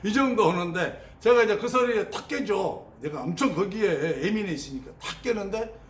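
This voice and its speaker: A man telling his spiritual experiences in an animated, storytelling way and mimicking sounds as he teaches. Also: high voice, normal speed. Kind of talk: spoken teaching on meditation experiences. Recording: roomy sound with faint ambient noise.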